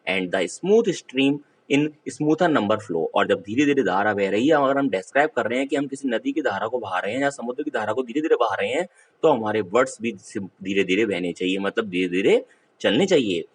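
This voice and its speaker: A man teaching a school poetry lesson, reading English verse slowly and then explaining it in a relaxed explanatory way. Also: lowish voice, poor audio.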